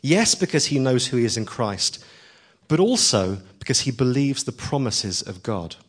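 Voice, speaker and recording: A man's voice: medium pitch, big pitch swings, moderate pace, slightly rough. A man preaching a sermon, earnest and emphatic, pushing his voice up on key lines, with frequent ums as he tells a story.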